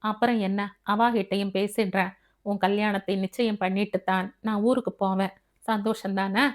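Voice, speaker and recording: A woman reading as a steady young man who reassures his elder sister and teases her gently. It is an audiobook figure at an everyday middle pitch. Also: normal speed, natural voice. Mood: reassuring.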